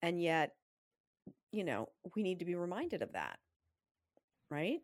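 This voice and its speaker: A middle-aged woman chats on a podcast in a somewhat low voice, candid and quick to poke fun at herself. The sound is close and dry, with no room around it. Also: sing-song, no echo. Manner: candid, self-deprecating, laughs often. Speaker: podcast co-host. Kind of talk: casual chat.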